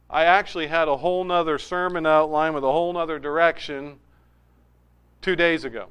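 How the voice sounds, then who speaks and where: A middle-aged male pastor from New Hampshire delivers a conversational sermon. His voice sits fairly high and sounds smooth and clear. He tells personal anecdotes with humor and plenty of asides. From New Hampshire, USA. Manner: animated storytelling, with humor and asides.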